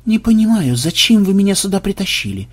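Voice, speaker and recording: A man voicing a young woman who mumbles in a flat, monotone way, in an audiobook. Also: sits high, brisk, husky, voice pushed up, exaggerated voice. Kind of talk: audiobook character voice.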